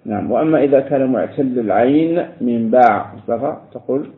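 A man teaching a grammar lesson to a class, explaining each step and repeating words slowly while he quizzes his students. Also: mid-range voice. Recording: echoey room over a phone-like line.

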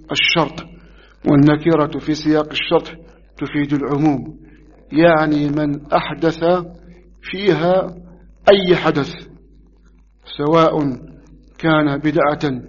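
A man teaching a religious lesson, taking his time and leaning on the words that matter. His voice sits a little high for a man. The recording is dull and lo-fi. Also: husky. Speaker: hadith teacher. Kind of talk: religious lesson explaining hadith.

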